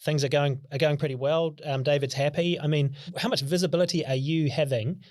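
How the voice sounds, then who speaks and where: Calm male podcast interviewer. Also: fairly high pitch, fairly quick, no room sound, clean studio sound. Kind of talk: interview questions.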